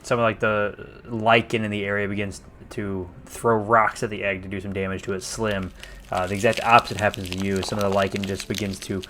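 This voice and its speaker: A man's voice: lowish voice, little pitch movement, fairly quick, sharp tone, slight background noise. A man narrating a tabletop game as game master in a casual, conversational style. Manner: casual swearing.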